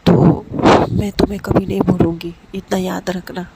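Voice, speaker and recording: A woman's voice: fairly low pitch, little pitch movement, normal speed, vocal fry, very noisy. A woman voicing an earnest, caring young woman who speaks with sincere reassurance.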